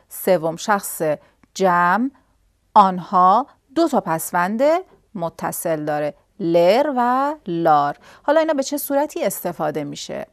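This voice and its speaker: A woman's voice: mid-range voice, no room sound, clean studio sound. A woman teaching a grammar lesson, explaining step by step and answering her own questions. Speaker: language teacher.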